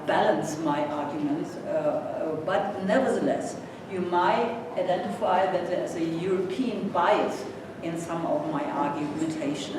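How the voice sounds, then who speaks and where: Captured from a distance in a noisy, echoey indoor seminar room, a guest professor in her sixties, a native German speaker with a German accent, delivers a lecture. She speaks haltingly, politely and self-deprecatingly, with a fairly low pitch.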